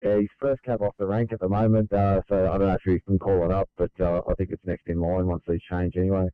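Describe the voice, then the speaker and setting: A man's voice: low-pitched, little pitch movement, fast talker, smooth, no echo. A man speaking as an ambulance crew member over emergency radio. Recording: tinny, narrow-band radio channel.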